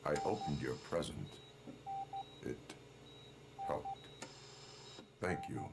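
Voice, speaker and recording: An actor playing a stoic male cyborg police officer who speaks in terse, formal, deliberate sentences in a video game. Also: very deep voice, gravelly, heavy background noise, heavily acted. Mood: solemn, restrained.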